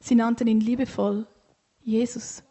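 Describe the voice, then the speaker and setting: Breathy woman storyteller. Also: on the high side, steady tone, moderate pace, warm tone. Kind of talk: children's story reading.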